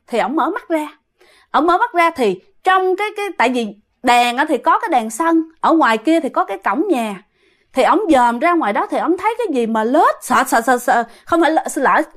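A woman's voice: high voice, lively intonation, brisk. A woman with a Southern Vietnamese accent telling a ghost story casually, often addressing her listeners directly.

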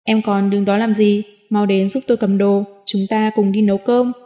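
Teasing young man in a storybook reading, voiced by a woman narrator; dark, muffled sound. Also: mid-range voice, flat delivery, moderate pace, close to an everyday voice. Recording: dull lo-fi audio with long reverb.

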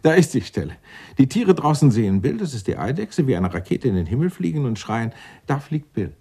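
In theatrical radio drama acting, a pompous, excitable 64-year-old Dutch tax-law clerk is questioned as a murder suspect. Eccentric, indignant and self-righteous, he sounds eager and amused. His mid-range voice is husky and swooping, and he talks a little fast.

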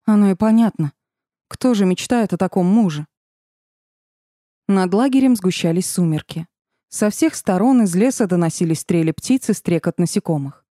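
A woman narrating a first-person fantasy audiobook in a measured, even storytelling manner. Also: medium pitch, no room sound, studio quality.

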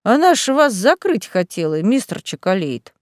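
A woman's voice: medium pitch, big pitch swings, normal speed, no room sound, studio quality, natural voice. A woman voicing a shrewd chocolatier man who needles and accuses. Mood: accusing.

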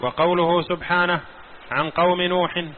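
Man reading a religious text out in class, totally flat delivery, tinny phone-like sound with faint hiss. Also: sits high, normal speed. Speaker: student reading the text aloud.

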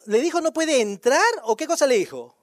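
A man's voice: extremely high pitch, lively intonation, fairly quick, no echo, clean studio sound. A male pastor preaching a sermon in a conversational way, firing rhetorical questions at the congregation.

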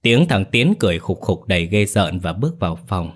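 Deep-voiced male horror storyteller. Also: very animated, a little fast, husky. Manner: dramatic, ominous. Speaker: narrator.

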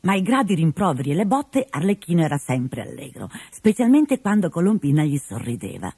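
A man narrating a fairy tale in an expressive storytelling manner. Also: on the high side, brisk, vocal fry, husky, dry recording, clean studio sound.

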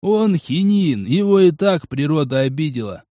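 Snarly foul-mouthed biker brute, man putting it on, kinda higher voice, dry. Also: big pitch swings, moderate pace, dark tone, no echo. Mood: mocking. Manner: snarling, rough, swearing. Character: brutish male biker thug, crude and menacing. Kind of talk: audiobook character voice.

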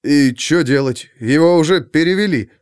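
A man's voice: fairly high pitch, normal speed, clear, resonant tone, no echo, studio quality, pitched above the performer's own voice, lightly acted. A man voicing a casual, offhand male police officer in an audiobook.

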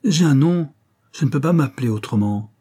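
A man voicing a frightened, stubborn young boy in an audiobook, pitched high and pleading. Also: fast talker, mellow, breathy edge, close to an everyday voice. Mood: anxious. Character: child boy hiding, stubborn and scared.

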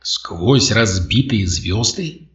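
A man's voice: fairly low pitch, lively intonation, extremely slow. A man reading an audiobook voices a cunning, sardonic male dictator, sly and mocking in tone. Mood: scheming. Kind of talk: audiobook character voice. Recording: dull roomy audio, distant mic.

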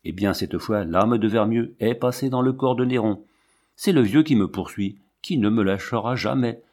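A man's voice: on the low side, normal speed, a little mellow, lightly acted. A man reading the part of a haunted lion tamer who talks with hissing, obsessive insistence. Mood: haunted, agitated. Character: haunted, half-mad male lion tamer, feverish.

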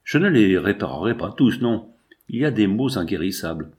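A man's voice: on the low side, big pitch swings, normal speed, darkish tone. A man reading the lines of an earnest fifteen-year-old girl who pleads and argues in grief, in a storybook reading. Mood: pleading.

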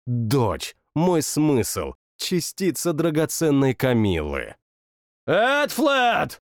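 Male narrator for first-person fantasy; dramatic, lively, slightly higher voice. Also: measured pace, dry recording, studio quality. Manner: dramatic, expressive. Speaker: audiobook narrator.

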